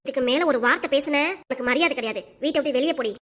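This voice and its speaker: Cartoon role: bossy, scolding mother-in-law with a high voice and quick delivery, played by a woman. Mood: angry. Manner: sharp scolding, berating. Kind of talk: Tamil cartoon voice acting.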